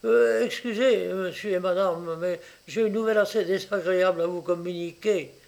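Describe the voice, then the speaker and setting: A man's voice: high voice, steady tone, moderate pace, gravelly, darkish tone, voice pushed up. A man voicing a polite, earnest police inspector.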